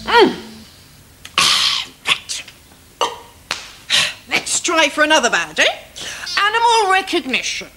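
Bossy, exasperated scout leader. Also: female voice, extremely high pitch, huge pitch swings, takes it slowly, long pauses, heavy background noise, heavily acted. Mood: instructing. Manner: bossy, patient, exasperated instructions. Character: brisk middle-aged female scout leader, fond but exasperated. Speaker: scout leader in a children's puppet show. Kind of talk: children's TV comedy acting. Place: outdoor garden set.

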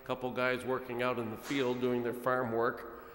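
A man's voice: mid-range voice, completely flat delivery, moderate pace, a bit bright, faint music behind. A middle-aged man preaching as a priest at a church lectern, telling a family story with laughs. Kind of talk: sermon. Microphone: far camera, lectern microphone. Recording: echoey church from a distance.

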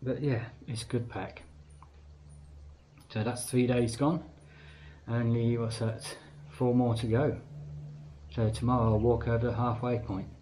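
A man's voice: mid-range voice, little pitch movement, measured pace, mellow. An Australian man vlogging as he hikes a bush trail, talking plainly and matter-of-factly about his pack. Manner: plain, matter-of-fact, thinks aloud about numbers. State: panting on a climb. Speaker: hiker vlogger. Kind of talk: casual outdoor vlog. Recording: noisy outdoor recording.

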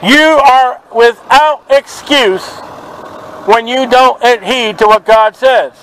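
Man, very high voice, street preacher, confrontational, outdoors by traffic. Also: slow, low-quality recording. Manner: forceful, confrontational preaching with scripture quotes. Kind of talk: open-air street preaching. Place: outdoors at a city market by traffic.

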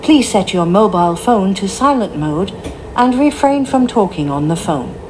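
Slow, formal woman announcing on a train. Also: medium pitch, animated. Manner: formal, polite, carefully phrased. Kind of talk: scripted English onboard announcement. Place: inside a train, over the announcement system. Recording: noisy train cabin recording.

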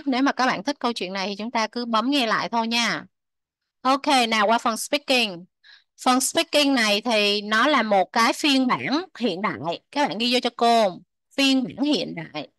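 A woman teaching English to children, repeating words slowly, translating them and chatting with soft sentence endings. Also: on the high side, animated, no room sound. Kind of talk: explaining a textbook lesson to children.

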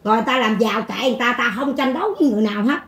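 A woman's voice: on the high side, expressive, rapid-fire, fairly bright tone, echoey room. An older woman with a Southern Vietnamese accent, giving a coarse, blunt, scolding monologue about faith to a group of listeners. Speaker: folk religious teacher.

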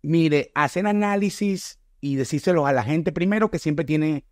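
A man's voice: fairly high pitch, a little mellow, dry recording, studio quality. A middle-aged Venezuelan man with a Venezuelan accent, reacting to a video with earnest, emphatic political commentary. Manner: earnest, emphatic, speeds up and slows for stress.

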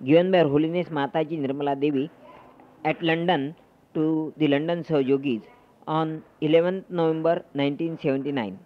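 A man giving a flat, matter-of-fact spoken introduction on an old tape recording. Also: a little high, fairly quick, phone-quality sound. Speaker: announcer.

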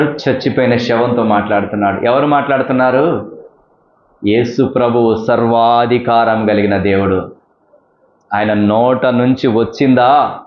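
A man's voice: mid-range voice, roomy sound, dull audio, a little hiss or hum. A man preaching a sermon as pastor, pressing the listener with repeated, rising appeals.

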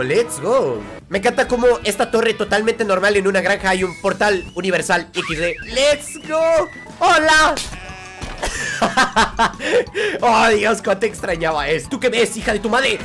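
A young man giving loud, jokey let's-play commentary as a gaming streamer. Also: high-pitched. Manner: loud, excitable, jokey, shouts and laughs a lot.

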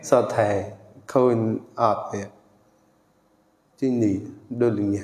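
A man's voice: lowish voice, steady tone, slow, a little mellow. A man giving a traditional verse performance, declaiming with frequent exclamations and sometimes slipping into sung lines. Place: monastery hall. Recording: echoey hall with long reverb.

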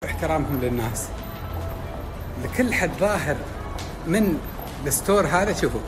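A man's voice: fairly high pitch, lively intonation, normal speed, over music. A middle-aged man with a Gulf Arabic accent, chatting and teasing as a travel vlogger. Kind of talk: casual vlog narration.

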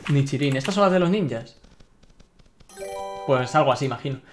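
A young man from Spain chatting excitedly while streaming a game and reading his chat aloud. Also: mid-range voice, a little fast, soft background music. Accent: Spain Spanish. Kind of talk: live-streamed gameplay commentary.

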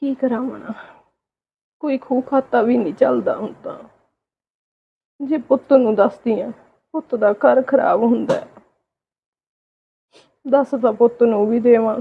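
A meek, patient old village mother, played by a woman in a homemade family drama. Her voice is husky and a little raised in pitch, soft and resigned, and it comes through a dull lo-fi recording. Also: steady tone, a little slow, pauses often, heavily acted. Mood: sorrowful.

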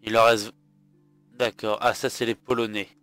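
A man's voice: fairly low pitch, level tone, moderate pace, a bit bright, clean tone, no echo, faint music behind. Tired man narrating his strategy game. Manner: thinks aloud with hesitations and fillers. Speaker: gaming video host. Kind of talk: let's play commentary.

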